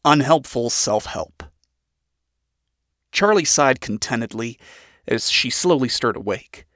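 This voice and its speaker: A reader narrating a chapter of a story aloud with expressive storytelling. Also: mid-range voice, takes it slowly, no echo, studio quality. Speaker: audiobook reader.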